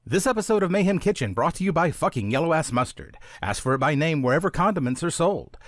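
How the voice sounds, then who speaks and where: Lively mock ad announcer, a man. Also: fast. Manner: mock-earnest ad pitch with profanity. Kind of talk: mock commercial read.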